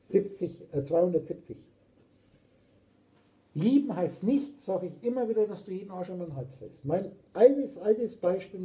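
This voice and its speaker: German-accented male spiritual teacher, preachy and insistent, high pitch. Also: warm tone, rough recording. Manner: emphatic, preachy, repetitive. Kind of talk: philosophical talk.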